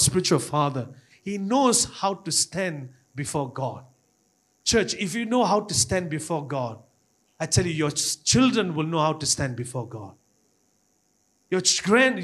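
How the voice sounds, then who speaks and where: Unhurried and sing-song, a fairly high, somewhat bright male voice delivers a passionate church sermon in a Malaysian accent. The preacher, from Malaysia, repeats phrases as he urges on and frequently addresses his congregation.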